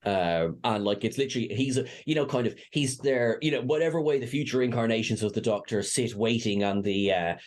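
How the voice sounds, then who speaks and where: A man's voice: medium pitch, a little fast, few pauses, darkish tone. A man hosting a casual fan chat show, rambling and jokey with stammering restarts. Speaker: podcast host.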